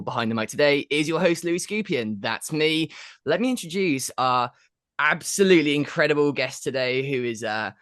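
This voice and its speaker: A man's voice: medium pitch, a bit bright, dry recording, studio quality. A man hosting a podcast, presenting and interviewing in an effusive, enthusiastic, informal way. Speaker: podcast host.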